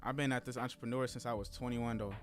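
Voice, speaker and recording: A man in his thirties talking casually to his live-stream viewers, calling them guys and y'all. He rambles in a relaxed way at a medium pitch. Faint music plays underneath. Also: quick pace. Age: 30s. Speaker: trading streamer.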